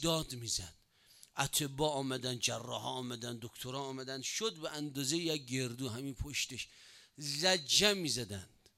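A man preaching a sermon, telling a story with emphatic, drawn-out lines. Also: fairly high pitch, sharp tone.

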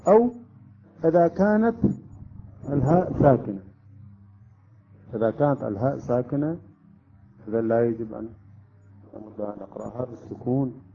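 A man's voice: medium pitch, animated, moderate pace, creaky, long pauses, a little hiss or hum. Man teaching, quizzing his class. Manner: explains step by step, quizzing students often. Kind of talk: classroom lesson on Quran recitation rules. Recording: dull lo-fi recording.

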